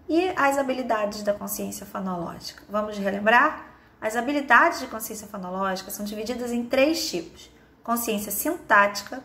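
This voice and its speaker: Brazilian portuguese woman, slightly high voice, walks you through an online lesson, slows down on example words. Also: bright, forceful tone. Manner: patient, explains step by step with many "né?" and "tá?"; stretches out example words slowly. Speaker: teacher of a course.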